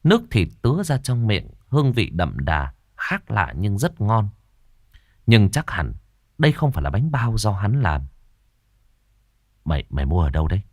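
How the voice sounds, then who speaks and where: A man narrating a horror story with suspenseful, expressive delivery. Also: on the low side, a little slow, no echo, studio quality. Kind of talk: dramatic horror story reading.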